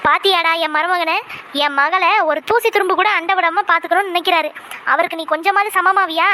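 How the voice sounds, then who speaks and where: A woman's voice: extremely high pitch, steady tone, a little fast, pushed and bright. A woman voicing a fierce, protective middle-aged mother in a comic cartoon, scolding and threatening. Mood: boastful. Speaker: mother character.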